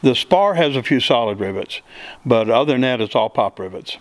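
A middle-aged builder and pilot sounds animated as he answers interview questions, speaking at a normal speed in a mid-range voice, plainly and step by step with many fillers. He's recorded on a handheld mic the interviewer holds in an open hangar, with no room sound.

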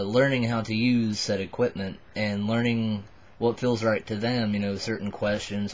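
A slightly drunk man in his twenties, with a fairly low voice, talks to his subscribers in a halting, rambling, casual confessional. He's tipsy and buzzed, filming in a small wood-panelled bedroom, and the webcam audio is dull and lo-fi.

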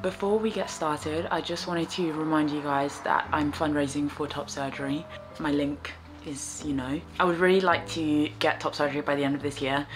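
Brief: woman in her 20s, low voice, quiet and reflective, casual vlog chat with faint music in the background. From England. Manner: soft-spoken, reflective, low-key. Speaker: fibre artist and vlogger. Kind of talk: casual chat to camera while knitting. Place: small living room, indoors, on a sofa.

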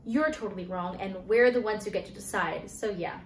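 A woman's voice: medium pitch, fairly quick, natural voice. Actress as flustered young woman, echoey room. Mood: heated, frustrated. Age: 20s. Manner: rambling, hesitant, conversational. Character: flustered, defensive young woman, jobless college graduate. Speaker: actor performing a monologue. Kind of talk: naturalistic contemporary theatre monologue. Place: small bare-walled room indoors. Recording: echoey room, faint hiss and noise.

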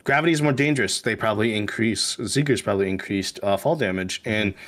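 A man's voice: fairly low pitch, brisk, a bit bright. A man chatting casually and commenting as he streams a video game. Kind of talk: casual gaming chat and commentary.

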